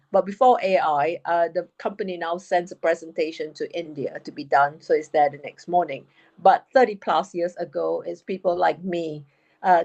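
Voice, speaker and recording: A woman in her fifties, a panel guest telling her life story in a frank, brisk, self-deprecating way. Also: on the low side, a little mellow. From United Kingdom. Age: 50s. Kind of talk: candid storytelling.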